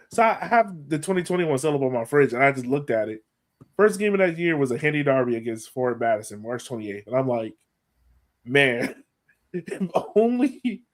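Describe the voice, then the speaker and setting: Here an American man in a mid-range voice chats about soccer as a podcast host, his delivery full of a lively fan's exclamations.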